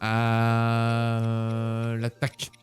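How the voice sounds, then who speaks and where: Un homme qui commente sa partie de jeu vidéo de façon décontractée, joueuse et pleine d'exclamations. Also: male voice, medium pitch, monotone, very slow, smooth, soft background music. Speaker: video game streamer. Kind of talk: casual gameplay commentary.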